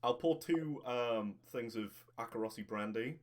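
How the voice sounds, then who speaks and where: A man's voice: medium pitch, measured pace. A man taking part as a player in a tabletop role-playing game, describing his character's actions in first person.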